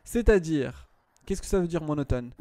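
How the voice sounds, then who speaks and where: Man, math tutor, patient, repeats himself, asks if she follows, mellow tone, raised pitch, dry sound. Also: lively intonation, moderate pace, no room sound. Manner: patient, repeats words and checks understanding.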